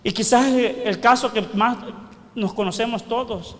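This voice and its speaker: Male pastor, very high bright voice, fervent sermon in a reverberant church hall. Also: measured pace. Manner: fervent preaching, asks the congregation questions, shouts quoted cries.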